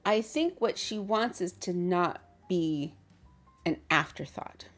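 A woman chatting casually as she hosts a reaction video from her bedroom, animated and laughing often. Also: lowish voice, slow, faint music behind.

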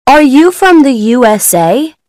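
Friendly lady quizzing kids for course audio, high sing-songy, slow, dry sound. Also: big pitch swings, a little mellow, dry recording. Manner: clear, deliberate questions. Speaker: voice on an English course listening recording.

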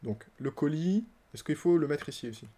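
A man's voice: a little high, lively intonation, normal speed, warm tone. A man giving casual let's-play commentary as a streamer, playful, laughing often and talking to the game characters.

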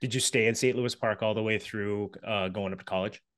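A man's voice: fairly low pitch, steady tone, fairly quick, a bit bright. A middle-aged man hosting a podcast interview over a video call from his home office, upbeat and chatty, with plenty of fillers and restarts. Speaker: podcast host. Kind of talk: casual interview. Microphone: headset on a video call.

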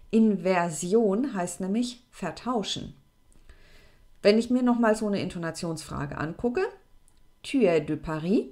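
Chatty teacher woman with a mellow voice. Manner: lively, chatty, plays with pitch for emphasis. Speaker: French teacher. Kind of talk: explaining French grammar to students.

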